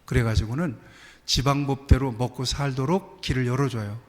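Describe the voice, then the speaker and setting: Guy preaching a sermon in a church, chatty, asks the people questions, mid pitch, big echoey hall. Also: steady tone, moderate pace. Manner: conversational preaching, mimics quoted prayers, rhetorical questions. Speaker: pastor. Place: church sanctuary. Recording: long hall reverb.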